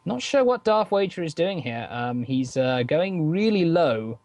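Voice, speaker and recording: A man casting a live online game, often hesitating and restarting, getting excited at the action. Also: fairly high pitch, measured pace, no echo. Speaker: esports caster.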